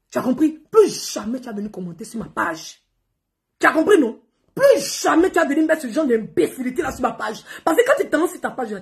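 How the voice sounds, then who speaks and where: A woman's voice: a little high, darkish tone. A woman, talking straight to her followers in a scolding, confrontational rant and often repeating herself. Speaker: social media personality. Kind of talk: angry direct-to-camera rant.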